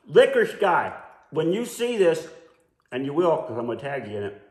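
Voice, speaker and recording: A man's voice: on the high side, very animated, brisk, warm tone. A man co-hosting a casual taste-testing vlog, joking and rambling as he hunts for words. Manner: jokey, rambling, searches for words. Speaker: vlog co-host. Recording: echoey room.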